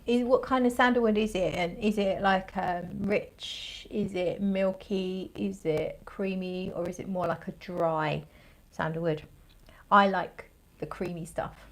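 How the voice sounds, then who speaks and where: A woman hosting a casual livestream as a fragrance reviewer, thinking aloud in a rambling, conversational way and searching for her words. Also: medium pitch.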